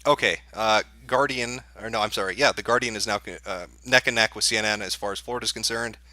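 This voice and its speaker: Brief: male livestream host, lowish bright voice, dry sound, sarcastic. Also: fairly even intonation, fast talker, no room sound. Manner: profane, sarcastic. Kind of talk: casual live commentary.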